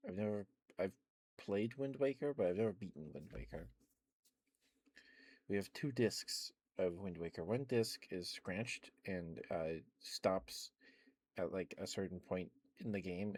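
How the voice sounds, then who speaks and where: A young male ASMR streamer speaks softly and close to the mic, his voice on the low side. He rambles from one thought to the next, full of fillers and quiet laughter.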